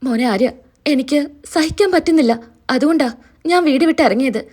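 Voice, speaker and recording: A woman's voice: sits high, animated, a little fast, a little mellow. A woman retelling a story, voicing a heartbroken middle-aged father reproaching his daughter. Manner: sorrowful, reproachful.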